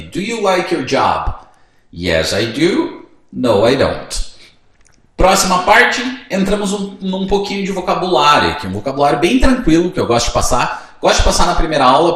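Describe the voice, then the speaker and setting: Young brazilian guy teacher, kinda high lively voice, super echoey room, chatty explainer. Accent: Brazilian Portuguese. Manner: chatty, explains step by step and acts out student dialogues. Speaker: English teacher. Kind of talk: casual teaching video.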